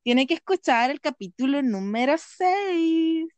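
A Chilean woman co-hosting a podcast in casual chat, excitable and teasing, laughing often. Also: high-pitched, a little slow, dry recording, lo-fi sound. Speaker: podcast co-host.

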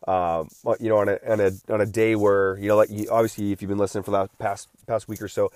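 Rambling man in his thirties, low voice. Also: flat delivery, fast talker, a little mellow, no echo, studio quality. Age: 30s. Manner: rambling, with many restarts and filler words. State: recovering from feeling unwell. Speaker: podcast host. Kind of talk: casual solo podcast monologue.

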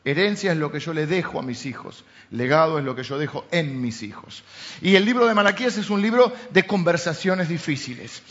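Emphatic Rioplatense pastor preaching. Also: male voice, on the high side. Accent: Rioplatense Spanish. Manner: shifts from loud emphatic preaching to soft intimate asides. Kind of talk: sermon. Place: church. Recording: slightly dull lo-fi sound.

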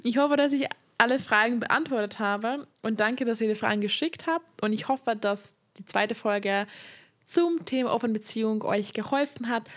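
A woman's voice: fairly high pitch, moderate pace. Chatty woman hosting a podcast. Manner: chatty, laughs often, gives relaxed advice. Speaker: podcast host. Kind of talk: casual podcast chat.

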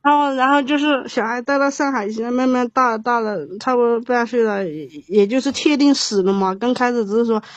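A woman in her thirties tells a long, painful personal story on an advice call, rambling and halting with many restarts. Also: fairly high pitch, no room sound. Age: 30s. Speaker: caller. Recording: dull lo-fi sound, dry.

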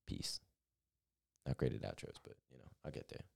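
Running his own solo podcast, this eighteen-year-old guy chats through what he plans to do, earnest and upbeat, wandering off track and using lots of fillers. He has a bass voice with vocal fry and speaks at a normal speed.

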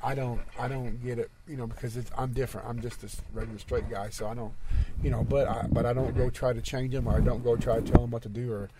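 Drowsy man in halting chat. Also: mid-range voice, level tone, very noisy. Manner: drowsy, halting, many fillers. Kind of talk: casual chat.

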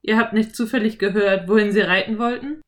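A woman voicing a lanky, friendly male cowboy in an audiobook, speaking loudly with an easy, self-assured drawl. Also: mid-range voice, a little fast, close to an everyday voice. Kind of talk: audiobook character voice.

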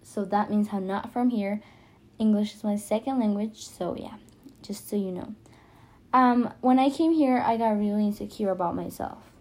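A teenage girl, a high school freshman and native Spanish speaker with a Spanish accent, hosts a podcast in a casual, hesitant, self-conscious monologue that rambles. Her voice is medium-pitched and darkish, at a moderate pace.

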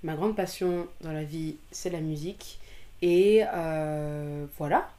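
Low-voiced woman, relaxed. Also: takes it slowly. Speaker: interviewee. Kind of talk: personal testimony.

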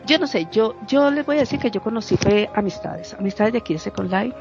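A woman chatting casually, telling a warm personal story with laughter and mimicked dialogue. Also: mid-range voice, lively intonation, fairly quick. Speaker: guest sharing a story. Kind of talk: casual chat. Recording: slightly dull lo-fi audio, faint music.

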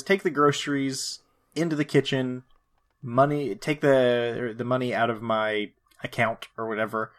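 A man with a mid-pitched voice co-hosts a recap podcast. He talks casually and irreverently, swearing as he goes. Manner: irreverent, profane. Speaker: podcast co-host. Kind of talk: casual episode recap chat.

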